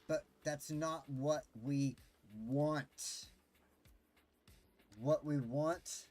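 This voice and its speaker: A man's voice: fairly high pitch, darkish tone. A man streaming a city-building game, delivering an impassioned, pleading rant with swearing. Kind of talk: ranting gameplay commentary.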